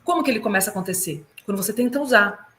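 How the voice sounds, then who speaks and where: A Brazilian woman consultant and German teacher giving lively, explanatory advice over a video call, sounding out German words to show how they are said. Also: medium pitch, rapid-fire, slight background noise. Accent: Brazilian Portuguese.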